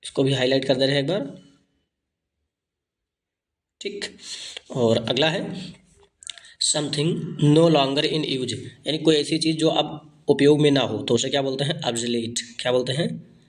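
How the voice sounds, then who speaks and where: A man teaching vocabulary for exams in Hindi, reading each phrase slowly, then explaining it and repeating the answer. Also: mid-range voice. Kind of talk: exam-prep lesson.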